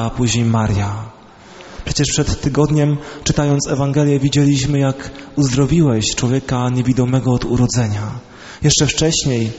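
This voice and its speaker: A man's voice: mid-range voice, a little mellow. A man preaching a sermon, speaking reflectively and addressing God in prayer. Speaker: priest preaching. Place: church. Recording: echoey, dull recording in a church.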